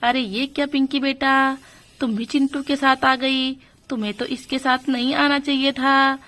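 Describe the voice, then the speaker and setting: A woman's voice: on the high side, fairly bright tone, slight background noise. A woman telling a village doll story and voicing a fussing, scolding mother figure. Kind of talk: doll story narration with character voices.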